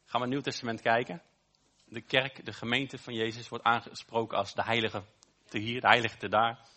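A man preaching a sermon, with an emphatic, repetitive cadence and slow, stressed phrases. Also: medium pitch, flat delivery, bright, forceful tone.

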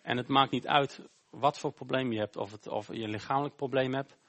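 A male pastor gives an informal sermon during a church service. He tells a Bible story conversationally, often pausing on "eh". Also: medium pitch, fairly even intonation, a bit bright. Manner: informal, storytelling, with frequent hesitations.

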